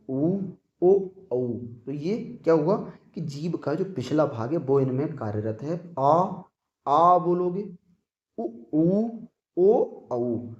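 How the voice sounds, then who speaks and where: A man's voice: on the high side, mellow, echoey room, lo-fi sound. A man teaching an exam-prep grammar lesson, repeating points and often checking whether students have understood.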